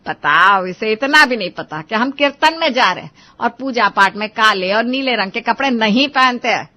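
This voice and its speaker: A woman voicing a quick-tempered older mother-in-law in a cartoon story, sharp and scolding. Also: medium pitch, animated.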